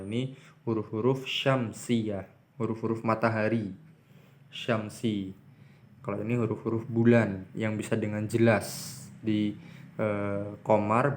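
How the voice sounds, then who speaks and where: A male language teacher leads a reading lesson, pronouncing each word slowly and deliberately. His voice sits a little low. Brisk explanations come in between the drawn-out readings. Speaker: Arabic teacher. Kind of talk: classroom lesson, reading words aloud.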